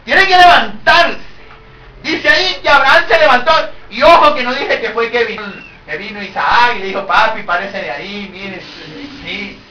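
A man's voice: very high-pitched, normal speed, sharp tone, a little hiss or hum. A male pastor, preaching emphatically and asking his listeners rhetorical questions. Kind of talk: sermon. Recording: echoey room, voice from a distance.

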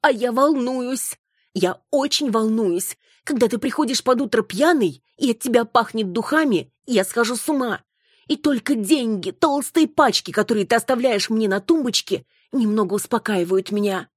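A woman voicing a jealous, hysterical young wife who scolds her husband, shrill and close to tears. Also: animated, moderate pace, breathy edge, no room sound. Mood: reproachful. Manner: shrill, accusing, near tears.

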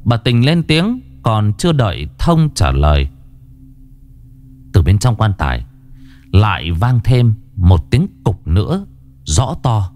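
A man narrating a ghost story in an expressive, dramatic way. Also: slow, pauses often. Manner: expressive, swinging pitch. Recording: narration over background music.

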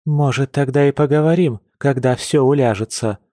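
A man's voice: a little high, normal speed, no echo, clean studio sound, voice pushed up, close to an everyday voice. A man voicing a stubborn sarcastic young woman. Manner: sharp, sarcastic retorts.

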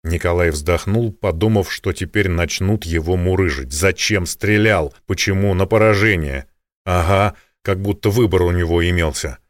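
A man narrating an audiobook in a steady, matter-of-fact way. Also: low voice, moderate pace, no echo, clean studio sound. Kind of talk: scripted narration.

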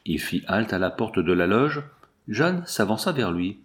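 A man narrating a classic novel as a scripted audiobook, in a measured, expressive storytelling manner. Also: lowish voice.

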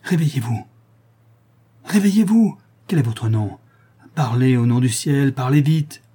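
A man's voice: medium pitch, lively intonation, moderate pace, warm tone, slightly rough. Man reading as a sinister, commanding monk. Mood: urgent, demanding. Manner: urgent, demanding questions. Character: sinister brooding male monk, agitated and commanding.

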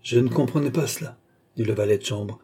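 A man reading as a shrewd, calm valet. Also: medium pitch, brisk, husky. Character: shrewd, cool-headed male valet accomplice.

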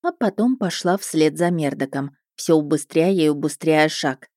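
Woman, audiobook narrator, lower pitch, lively expressive reading, dry recording. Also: normal speed, no room sound. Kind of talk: first-person story narration.

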